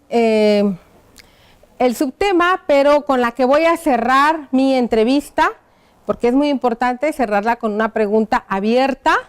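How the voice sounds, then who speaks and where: Patient, high-voiced woman teaching slowly. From Mexico. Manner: slow, patient, spells out each word while writing; asks the pupils rhetorical check-in questions. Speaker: primary school teacher. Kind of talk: classroom lesson on TV.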